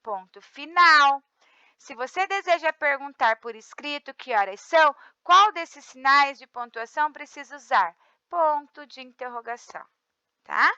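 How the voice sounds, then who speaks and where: A Brazilian teacher with a high, bright voice reads a lesson aloud, pausing often to check that her students follow. The sound is dry and a little dull, like a modest home recording. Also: animated, no echo. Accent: Brazilian Portuguese. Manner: reads textbook aloud, checks in with frequent tag questions. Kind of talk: recorded remote class lesson.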